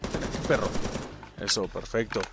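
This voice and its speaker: A young adult man with a Mexican accent, giving loud, excitable gameplay commentary full of swearing, shouting and then muttering low. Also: unhurried, noisy background.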